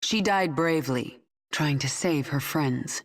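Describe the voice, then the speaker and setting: A woman's voice: low-pitched, unhurried, crowd noise. An actress playing a cold, commanding female alien swarm queen who speaks in terse orders. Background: game score music.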